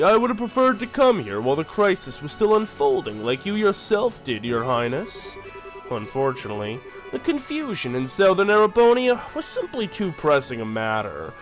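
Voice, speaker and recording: A man voicing a calculating middle-aged imperial chancellor who speaks in a measured, formal way. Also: high voice, wildly swooping pitch, faint music behind, low-quality recording. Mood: smooth formal.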